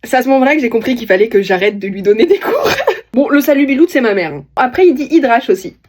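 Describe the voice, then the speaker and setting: A young woman from northern France tells a story straight to camera with lively, amused energy. Her voice sits a little high. She keeps it casual and chatty, like a creator talking to her followers. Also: quick pace, noisy background. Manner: lively, amused, animated delivery. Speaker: content creator.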